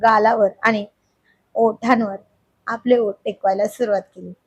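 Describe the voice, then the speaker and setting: Hoarse woman reading a story. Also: mid-range voice, steady tone, a little slow. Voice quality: husky. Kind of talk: narration of a romantic family story.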